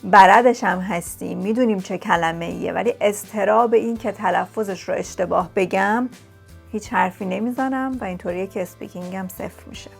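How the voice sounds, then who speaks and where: Woman vlogging tips, chatty and repeats stuff for emphasis, bit of vocal fry, mid pitch, soft music under her. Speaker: vlogger sharing language-learning tips. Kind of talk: casual talk to camera. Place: lives in England.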